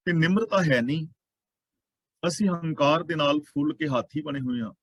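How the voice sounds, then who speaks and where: A man teaching scripture. He recites each verse slowly and then explains it word by word in plain, measured speech. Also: on the high side, fairly bright tone, no room sound, poor audio. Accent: Punjabi.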